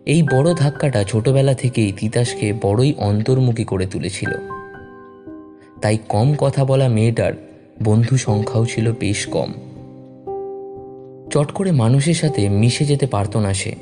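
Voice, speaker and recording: A man reading a story aloud in a measured, expressive narration. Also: mid-range voice. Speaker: story reader. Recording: narration over background music.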